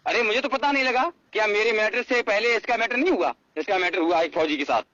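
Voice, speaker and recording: Speaking quickly and forcefully, a man with a high, bright voice and a rural North Indian Hindi accent repeats a personal grievance over the phone. There's no room sound, but the recorded call is muffled, with hiss and clicks.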